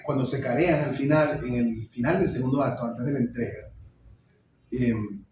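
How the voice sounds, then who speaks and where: A middle-aged man giving a public lecture on theater, expressive, with frequent restarts. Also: mid-range voice, dull audio. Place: lecture hall. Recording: echoey hall, mic far off, faint noise.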